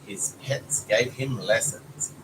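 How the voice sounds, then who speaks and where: A man speaking slowly at medium pitch reads a children's book aloud to his child in a fatherly way, with short asides. The home recording is noisy and full of background sound, with clear ambient noise and a young child nearby.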